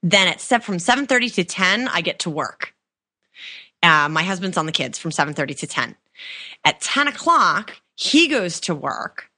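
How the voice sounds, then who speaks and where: A woman's voice: on the low side, big pitch swings, normal speed, pushed and bright. A woman in her thirties co-hosting a podcast, chatting casually in a wry, self-mocking way. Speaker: podcast co-host. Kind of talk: casual chat.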